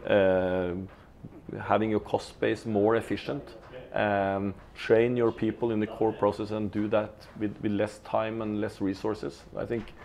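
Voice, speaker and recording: Speaking unhurriedly in a creaky, darkish voice on the low side, this man from Norway keeps his delivery flat. He's a retail executive in his fifties, a guest giving business interview answers in an office's company studio. He hesitates a lot, restarting and repeating words mid-sentence.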